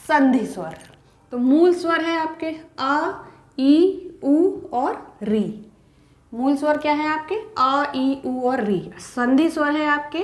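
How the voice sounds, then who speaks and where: A woman teaching a grammar lesson to students, asking the class questions and then answering them herself, and drawing out the example vowel sounds slowly. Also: high-pitched. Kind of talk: Hindi grammar lecture to students. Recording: roomy echo.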